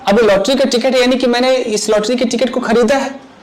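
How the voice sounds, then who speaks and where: A man's voice: very high-pitched, steady tone, a little fast, slight background noise, low-quality recording. A man teaching English grammar to viewers in a chatty way, often checking that they understand. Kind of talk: Hindi-English grammar lesson with live demonstrations. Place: home kitchen.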